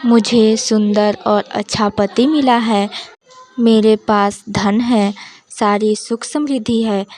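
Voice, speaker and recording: A headstrong young wife in a spoken storybook tale, stubborn and dismissive of ritual, put on by a woman narrator. Her delivery is slow and unhurried. The pitch sits in the middle, close to the narrator's own voice. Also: fairly even intonation, darkish tone, no room sound, soft background music, natural voice.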